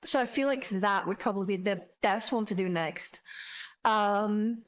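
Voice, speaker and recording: A woman's voice: medium pitch, measured pace. A woman streamer giving casual, informal reaction commentary, blunt and freely swearing.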